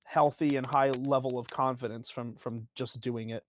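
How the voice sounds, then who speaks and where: Speaking at a moderate pace with a medium pitch and steady tone, a man appears as a livestream guest who comes from music performance. His casual advice comes out hesitantly, in short bursts full of filler words.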